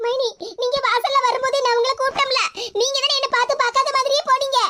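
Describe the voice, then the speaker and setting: A woman's voice: very high-pitched, flat delivery, fast, bright, forceful tone, dry recording, studio quality. A woman voicing a young village woman in a cartoon, an anxious, pleading sister speaking with a Tirunelveli Tamil accent. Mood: hurt. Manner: pleading, repeatedly calling out.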